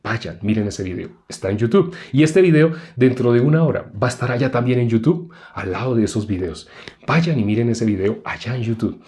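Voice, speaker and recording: A man's voice: medium pitch, animated, brisk, darkish tone. A man preaching a conversational sermon. He explains step by step and often asks rhetorical questions.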